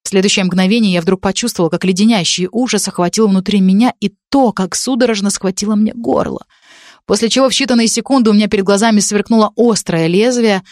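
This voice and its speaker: A woman reading a first-person story aloud as narrator, in steady storytelling. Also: medium pitch, fast, no room sound, studio quality.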